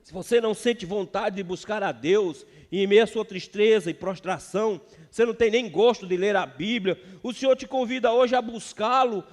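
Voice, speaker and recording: A Brazilian man preaching a sermon as pastor, swinging between loud emphasis and hushed words. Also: high voice, normal speed, few pauses. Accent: Brazilian Portuguese. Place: church sanctuary. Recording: church hall reverb.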